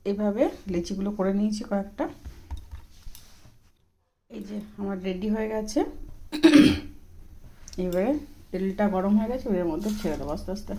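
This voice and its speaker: Speaking at a normal speed with long pauses, this woman has a warm, steady, medium-pitched voice and a Bengali accent. She's a home cook vlogger narrating her own actions step by step in a casual demo. Frying, sizzling and other cooking noise fill her home kitchen.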